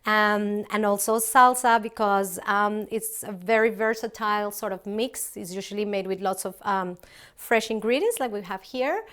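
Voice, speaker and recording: A woman's voice: mid-range voice, moderate pace, fairly bright tone. A middle-aged woman from Colombia, a company founder, casually presenting a cooking recipe in a large open kitchen, chatty with many ums and restarts.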